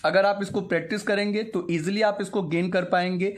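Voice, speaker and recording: A young man teaching a grammar lesson in a high voice. He is patient and methodical, repeating each word aloud to model its sound. He slips English phrases into his explanation as he goes. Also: fairly even intonation, fairly quick.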